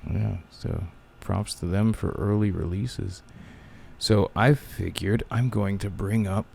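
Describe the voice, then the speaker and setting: A very deep, heavily gravelly male voice that moves slowly and sounds dark and mellow. He hosts a relaxed podcast chat, rambling and trailing off, close enough to the mic that his breathing comes through. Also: a little hiss or hum. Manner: rambling, laid-back, trailing off. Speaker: podcast host. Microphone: close mic, breathing audible.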